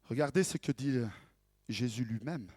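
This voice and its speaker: A male pastor preaching a sermon in an animated way, swinging from hushed to loud and asking rhetorical questions. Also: medium pitch, normal speed, slightly rough, no room sound, clean studio sound.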